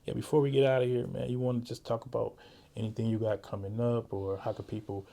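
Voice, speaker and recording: A man hosting a podcast interview, talking in a relaxed, easygoing way and often saying "man" and "you know". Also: medium pitch, fast, gravelly. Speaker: podcast host; works with juvenile youth. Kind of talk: casual interview chat.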